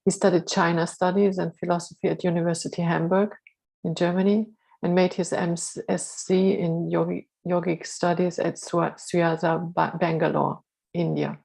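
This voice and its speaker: Flat, gravelly woman introducing a speaker. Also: fairly low pitch, moderate pace, low-quality recording. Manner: earnest, with slips and self-corrections. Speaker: symposium presenter introducing a speaker.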